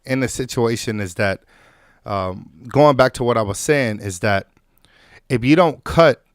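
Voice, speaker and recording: Hoarse-edged man with a very dry sound. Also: medium pitch, measured pace, dry recording. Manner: loose, conversational, many fillers and restarts. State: recovering from illness, slightly hoarse. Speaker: music production tutorial host. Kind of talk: casual on-screen tutorial.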